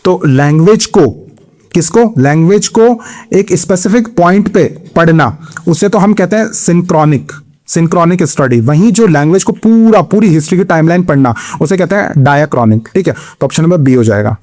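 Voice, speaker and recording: A man with an Indian accent teaching an exam-prep lecture, mixing Hindi and English, posing his own questions and answering them, reading English questions slowly. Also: on the high side, animated, a little mellow. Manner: explains step by step, asks and answers own questions, frequent "theek hai".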